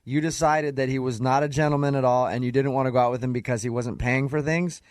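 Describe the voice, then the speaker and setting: A man's voice: mid-range voice, fairly even intonation, quick pace, clean tone, no echo. A man in the middle range hosts a morning radio show and teases a caller with wry humor. His voice is close to a studio mic, with a dry, tight sound. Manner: teasing, wry. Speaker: radio host. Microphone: studio microphone.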